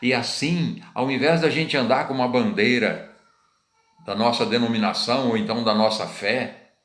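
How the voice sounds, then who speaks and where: Speaking in a lowish, fairly bright voice, a middle-aged Brazilian man with a Brazilian Portuguese accent delivers an informal sermon teaching. His style is conversational, full of repeated phrases and rhetorical questions for listeners, and the room echo is noticeable.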